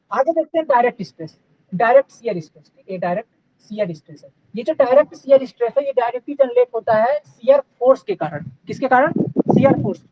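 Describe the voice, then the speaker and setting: A man's voice: very high voice, a little mellow, rough recording. A man teaching a live online engineering class, asking questions and answering them himself and often checking that students are following. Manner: repeats checks like "okay" and "clear?"; Hindi mixed with English technical terms.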